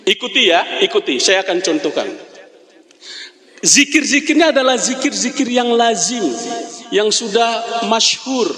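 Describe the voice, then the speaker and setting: A middle-aged man preaching a dawn sermon to a mosque congregation, asking the crowd questions and drawing out chanted prayer phrases slowly. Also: extremely high pitch, animated, bright, forceful tone. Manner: questions the crowd, slow chanted dhikr lines. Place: large mosque hall. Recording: echoey hall with long reverb.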